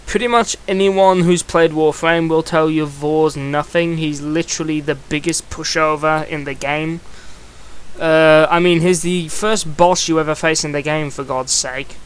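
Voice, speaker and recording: A young comic book reviewer rambles casually through his review, frequently restarting sentences. His voice is smooth and clear, a little high for a man, and he speaks at a moderate pace.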